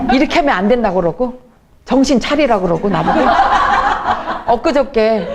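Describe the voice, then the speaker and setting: Woman evangelist, slightly high voice, lively testimony storyteller who acts out her quotes. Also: heavy background noise. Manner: animated storytelling, acting out quoted people. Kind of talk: testimony talk at a church event.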